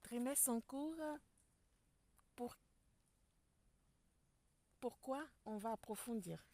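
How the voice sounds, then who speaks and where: A woman giving a spiritual tarot reading to her viewers, speaking softly and quietly in a public place. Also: a little high, drawn-out words, slight background noise. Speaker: tarot card reader. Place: public place outdoors with people nearby.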